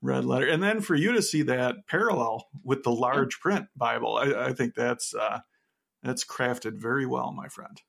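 A man's voice: medium pitch, moderate pace, vocal fry, fairly bright tone. A man hosting a podcast in casual chat, chuckling often between remarks. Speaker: podcast host.

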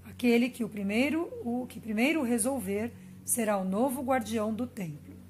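A Brazilian woman voicing a grave, authoritative old Zen master in a storybook parable, measured and declarative. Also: on the high side, a little mellow, a little hiss or hum, close to an everyday voice. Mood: calm authority.

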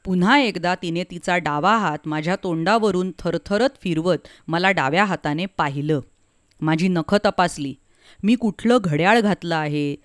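A woman narrating a story in a measured, emotive reading. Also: fairly low pitch, no echo, clean studio sound.

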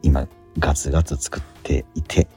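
Over soft background music, a radio host talks casually about a stage play he is promoting, pausing to hunt for words and often repeating himself. He has a very deep voice with a flat delivery and a slightly mellow tone.

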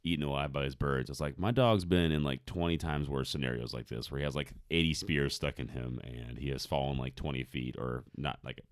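A man with a very low, deep voice talks loosely about a video game with a friend. He is laid-back, trails off mid-thought and laughs a lot, sometimes jumping into high-pitched quoted voices. The sound is dry and close, with no room echo. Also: brisk, hardly any pauses.

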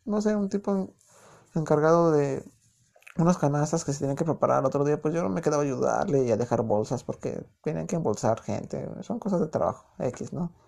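Gravelly young man with a Mexico City accent. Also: a little high, a little fast, darkish tone. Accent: Mexico City Spanish. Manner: chatty, joking, full of slang fillers. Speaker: podcast host. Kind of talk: casual storytelling monologue.

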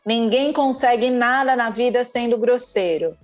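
A woman's voice: a little high, unhurried, soft background music. A woman giving emphatic advice in a podcast conversation, her voice rising sharply on key points. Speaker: communication speaker.

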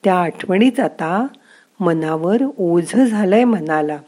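Lady doing the inner mind talking back, soft and wise, kinda scolding, slow and low. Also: lively intonation. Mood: gently coaxing. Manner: coaxing and softly scolding. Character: the narrator's own mind, a gentle, wise, chiding inner voice.

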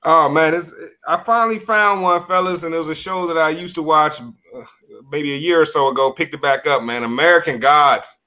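Bright, higher-pitched man chatting casually. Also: fairly quick. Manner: slangy, repeats phrases for emphasis. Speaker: podcast panelist. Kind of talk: casual chat.

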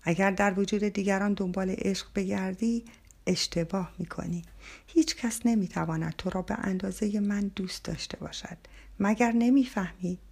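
A woman voicing a hurt middle-aged husband, speaking urgently and insistently in a pitch raised above her own. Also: fairly even intonation, creaky, darkish tone, slightly rough. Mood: pleading.

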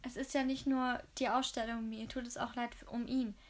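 A woman's voice: a little high, flat delivery, normal speed, close to an everyday voice. Grieving young artist, read by a woman.

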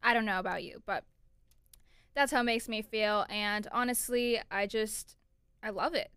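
On her casual solo podcast, a twenty-year-old woman from Orlando, Florida, USA, talks chattily and upbeat, sprinkling in plenty of "like" and "you know." Her tone is bright and forceful, and her mid-range voice is smooth and crisp, steady in tone and at normal speed. The sound is dry and close, with no room sound.

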